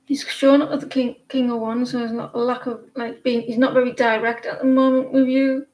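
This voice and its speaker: This tarot reader is a woman in her forties with a northeast English accent, from that part of England, rambling casually through a reading full of fillers and false starts. She sounds on the high side and a little quick, with a darkish tone and not much pitch variation, and the audio is poor.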